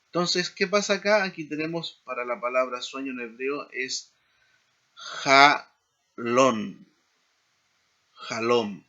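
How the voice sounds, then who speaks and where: A man teaching a seminary class in a slow explanatory lecture, often checking in with tag questions. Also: mid-range voice, bright, forceful tone. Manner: frequent tag questions, deliberate pacing.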